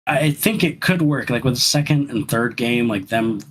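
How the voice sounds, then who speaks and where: A man co-hosting a podcast in casual chat, rambling and halting, with many restarts. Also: medium pitch, lively intonation, slight background noise, low-quality recording. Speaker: podcast co-host.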